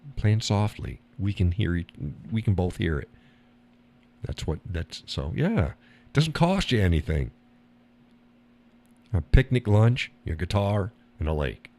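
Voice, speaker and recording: A low-pitched man talks casually on his own live stream. He is blunt and rambling, curses freely, laughs between remarks, and jumps up high to mimic other people. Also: big pitch swings, measured pace, long pauses, warm tone.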